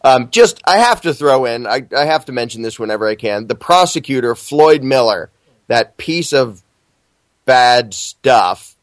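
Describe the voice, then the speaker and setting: Guy being interviewed, blunt and plainspoken, medium pitch, dry close mic sound. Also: no echo. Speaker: interview guest. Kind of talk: conversational account and opinion.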